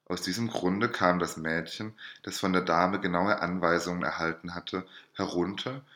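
A man narrating a classic tale aloud in a steady, measured storytelling manner. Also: low voice. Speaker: audiobook narrator.

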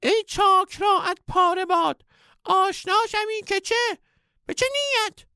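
Squeaky old sage, bossy, prying, gravelly, lurching pitch. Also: male voice, dry recording, clean studio sound, exaggerated voice. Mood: scolding. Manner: scolding, shouting, prying.

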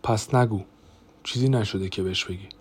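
A man's voice: lowish voice, darkish tone, husky. A man voicing a jealous, menacing older brother-in-law who dodges and then threatens, in an audiobook. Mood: evasive. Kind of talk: audiobook character voice.

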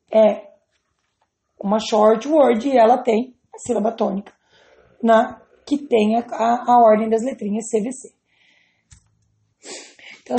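A woman's voice: on the high side, gravelly, mellow. Woman teacher spelling out rules, roomy echo. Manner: patient, spells out letters slowly. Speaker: English teacher. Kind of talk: explaining grammar to students.

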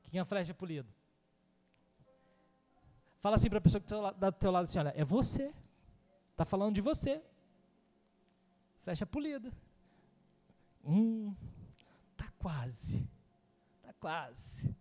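A man's voice: high voice, expressive, moderate pace, long pauses, mellow, in a large hall, soft background music. A man with a Brazilian Portuguese accent preaching a sermon in a church, telling a personal story with humor and acting out the dialogue. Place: church hall.

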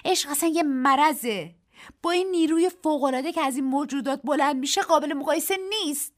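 A woman reading the part of a frightened young woman in a radio story, her lines high and agitated. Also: lightly acted. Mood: despairing. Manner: high-pitched and agitated, rising to cries.

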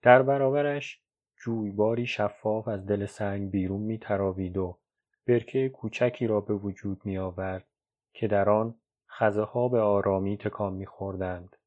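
A man narrating a novel as an audiobook, in a measured, even storytelling read. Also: on the low side. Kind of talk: scripted literary narration. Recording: dull lo-fi recording.

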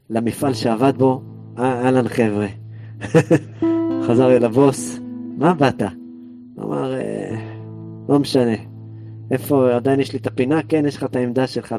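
A man's voice: medium pitch, creaky. Man telling a story over guitar music. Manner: animated storyteller acting out characters' lines. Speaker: Torah teacher. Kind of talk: storytelling in a Torah class.

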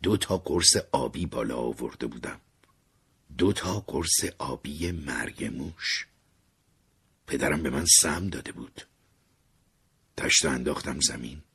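A man narrating a dark first-person story in a theatrical way, sinking to whispers and rising in sudden bursts. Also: a bass voice. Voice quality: very husky.

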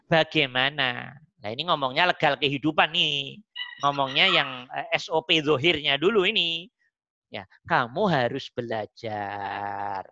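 Bright-toned man teaching a religious lesson. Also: on the high side, dry recording, dull audio. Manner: repetitive, keeps checking that listeners understand. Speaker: Islamic teacher (ustaz).

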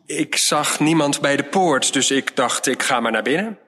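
A man reading a storybook aloud and voicing a humble, wise shepherd who speaks gently and patiently. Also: fairly high pitch, animated, normal speed, pitched above the performer's own voice. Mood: calm. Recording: long hall reverb.

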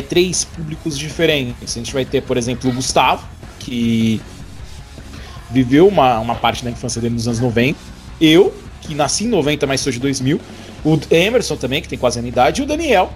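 A man's voice: mid-range voice, animated, moderate pace, soft background music. A man in his twenties hosting a podcast, chatting casually and joking, with many restarts. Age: 20s. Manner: jokey, laughing, rambling with restarts. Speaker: podcast host.

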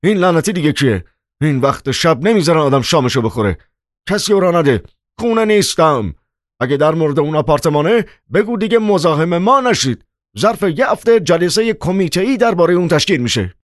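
A man's voice: fairly high pitch, expressive, hardly any pauses, no echo, clean studio sound, voice pushed up, natural voice. Man doing a frantic, shrieking building manager. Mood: irritated. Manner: frantic shouting. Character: panicky middle-aged male building manager.

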